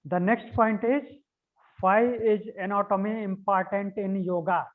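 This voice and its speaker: A man's voice: sits high, steady tone, unhurried. A man teaching a yoga anatomy class over a video conference call. He dictates notes, repeats phrases and spells out key words letter by letter. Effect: heard over a video conference call. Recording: narrow phone-like call audio.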